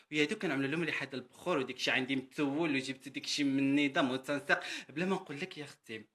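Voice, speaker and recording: A man's voice: medium pitch, bright, forceful tone, natural voice. A man with a Moroccan Arabic accent voicing a boastful, chatty housemaid woman in a comedy sketch, who keeps calling the listener sister. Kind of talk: comedy character monologue.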